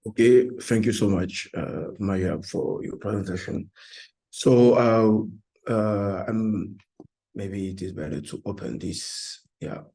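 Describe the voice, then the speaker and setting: A Congolese artist presents his work in an informal webinar, speaking haltingly in imperfect English with a Congolese French accent and often searching for words. His voice is lowish and warm, with vocal fry.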